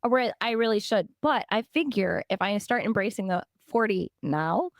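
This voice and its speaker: A woman in her late thirties co-hosting a podcast in lively casual chat, laughing often, her voice a little strained. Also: mid-range voice, normal speed, no echo, studio quality. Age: 30s. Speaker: podcast co-host.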